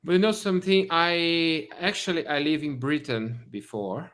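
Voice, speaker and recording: A man's voice: on the high side, moderate pace, fairly bright tone. A man with a Brazilian accent hosting a casual interview, talking loosely, jumping between thoughts and laughing often. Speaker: host.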